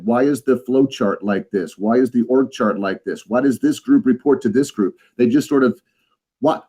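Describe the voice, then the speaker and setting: A man's voice: mid-range voice, a little mellow, husky. A man co-hosting a podcast in casual, playful chat, often repeating phrases for emphasis. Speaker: podcast co-host.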